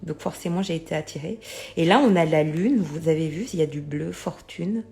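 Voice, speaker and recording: A woman's voice: sits low, brisk, creaky, darkish tone. A middle-aged woman chatting casually to viewers about oracle cards, often checking they follow her with little asides. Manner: chatty, keeps addressing viewers, many fillers. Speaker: oracle card reader.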